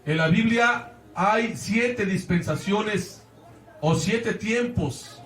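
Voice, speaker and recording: Earnest Mexican pastor, echoey church. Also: male voice, high-pitched, extremely slow, a bit bright, distant mic. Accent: Mexican Spanish. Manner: earnest preaching, often addressing the congregation as brothers. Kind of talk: sermon.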